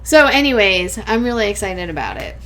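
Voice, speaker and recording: A woman's voice: mid-range voice, sing-song, a little fast, fairly bright tone, slight background noise. Chatty podcast host woman. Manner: chatty, laughs often. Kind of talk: casual podcast chat.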